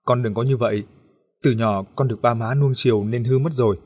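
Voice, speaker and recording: A man's voice: mid-range voice, steady tone, a little fast, darkish tone, lightly acted. A man voicing a grandmother who lectures her grown daughter at length in a story reading. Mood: scolding. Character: stern, scolding grandmother.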